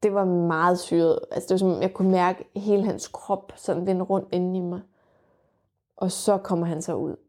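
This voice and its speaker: A young woman telling her own birth story frankly and vividly, often pausing on fillers. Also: on the low side, steady tone, a little mellow. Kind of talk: candid personal storytelling.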